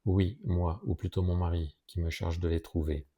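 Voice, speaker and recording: A man's voice: sits low, steady tone, moderate pace, mellow. A man voicing a trembling, pleading young woman. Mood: hesitant. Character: distressed young woman, an anxious rich cousin.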